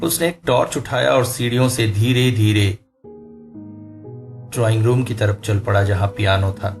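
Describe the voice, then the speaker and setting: A man narrating a horror story in a slow, suspenseful storytelling manner. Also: on the low side. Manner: slow, suspenseful, rising in tense moments. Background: faint music.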